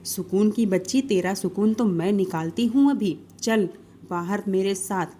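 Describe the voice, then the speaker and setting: A woman's voice: mid-range voice, unhurried, mellow, a little hiss or hum, close to an everyday voice. A woman voicing a harsh, bossy middle-aged mother-in-law in a cartoon story who hurls insults. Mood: scolding.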